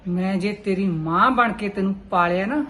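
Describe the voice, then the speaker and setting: A woman's voice: mid-range voice, moderate pace, a bit bright, lightly acted. A woman playing a stern, anxious widowed mother with a Punjabi accent, tearful one moment and fiercely threatening the next. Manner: emotional, swinging from tearful pleading to fierce threats. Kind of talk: short film drama acting.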